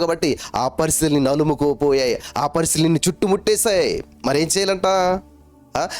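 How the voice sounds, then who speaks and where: A man preaching a sermon with fervor, chanting repeated phrases and calling out hallelujahs, with English phrases drawn out slowly. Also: a little high, darkish tone. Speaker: pastor.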